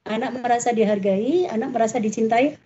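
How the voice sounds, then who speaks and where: A woman's voice: on the high side, fairly quick, dark tone, highs cut off, slight background noise. A woman giving a parenting talk in a chatty way, full of tag questions. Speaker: parenting speaker.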